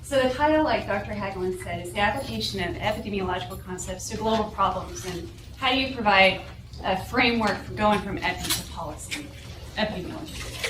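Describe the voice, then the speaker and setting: A young woman with a medium-pitched voice, talking a little fast, gives an academic seminar talk as a guest lecturer from a podium in a lecture room. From New Mexico and Texas, she has a light Southwestern accent mixed with a North Carolina drawl, and explains things while often checking in with "right?". The audio is echoey and noisy, captured from a far camera.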